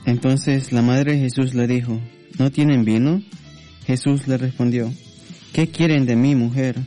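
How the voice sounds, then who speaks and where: A man reading a Bible passage aloud in a steady, measured way on a religious radio program. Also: medium pitch, faint music behind. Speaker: scripture reader.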